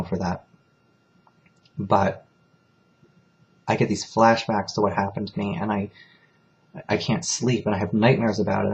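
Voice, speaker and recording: A man's voice: fairly low pitch, a little mellow, dull audio. A man talking candidly in a personal confessional vlog, rambling and emotional as he speaks. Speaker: vlogger.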